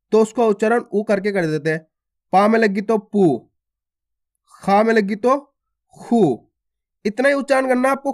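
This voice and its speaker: A man teaching a beginner reading lesson in a video, repeating each point and asking the viewer questions, drawing out single syllables. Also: very high voice. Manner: repetitive, asks the viewer questions, drawn-out syllables. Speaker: Hindi teacher.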